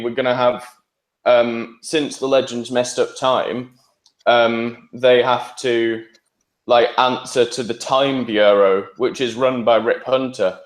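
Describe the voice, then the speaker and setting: A man chatting casually as a podcast panellist, with a roomy, echoing sound. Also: medium pitch. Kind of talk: casual chat about TV shows.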